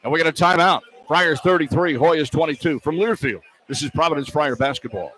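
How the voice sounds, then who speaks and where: Amid crowd noise and a rough live arena sound, an American radio announcer with a high-leaning, slightly fast voice handles basketball play-by-play and sponsor reads. He broadcasts from a position inside a large indoor arena.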